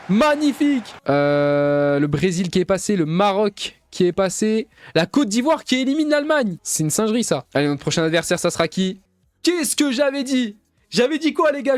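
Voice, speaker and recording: A man's voice: high-pitched, no echo. A young man casually commentating his football video game career, talking to his viewers with slangy jokes and sudden bursts of cheering. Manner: excitable, swings from mumbling asides to loud cheering; addresses viewers as "les gars", slangy and joking. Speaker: gaming YouTuber.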